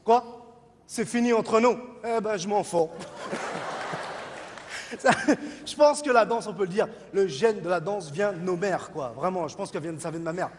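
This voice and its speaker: A man from Morocco doing a lively stand-up comedy set in front of an audience, mixing in Moroccan Arabic phrases. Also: high-pitched, normal speed, long pauses, slight background noise. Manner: lively, switching between French and Moroccan Arabic phrases, acting out his parents. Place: large stage before a live audience. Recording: hall reverb with crowd laughter.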